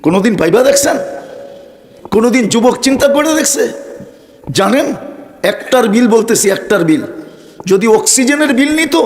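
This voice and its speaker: A man preaching a sermon, fervent and full of rhetorical questions put straight to his listeners. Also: sits high. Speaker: Islamic preacher. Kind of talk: sermon to a live audience.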